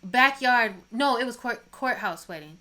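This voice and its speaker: A woman's voice: a little high, animated, measured pace, bright, forceful tone. A woman in her thirties, a podcast guest, chatting casually in an effusive, emotional way. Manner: emotional, effusive, laughs often. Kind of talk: casual chat.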